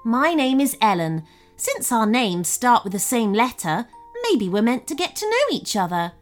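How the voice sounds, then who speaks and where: A woman voicing a friendly female elephant who welcomes a child warmly and chatters. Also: fairly high pitch, sing-song, moderate pace, soft background music.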